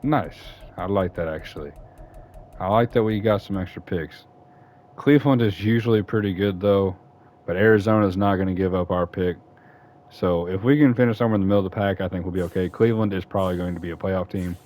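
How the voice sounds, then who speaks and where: Low-voiced man chatting through a game. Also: a little fast, a little mellow. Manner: rambling, self-correcting, chatty. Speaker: gaming YouTuber. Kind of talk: casual franchise-mode commentary.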